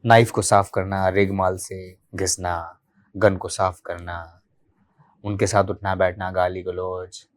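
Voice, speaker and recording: A man in his thirties from Delhi, a podcast guest telling his life story in a candid, animated way and acting out remembered dialogue. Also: low-pitched, takes it slowly. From Delhi, India. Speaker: podcast guest, martial arts practitioner.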